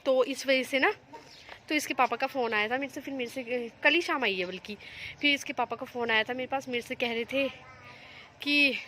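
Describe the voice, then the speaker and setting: A woman's voice: high-pitched, normal speed, sharp tone, slight background noise. A young woman filming a casual home vlog on her phone, chatting and rambling to viewers while she minds her children. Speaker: home vlogger and mother.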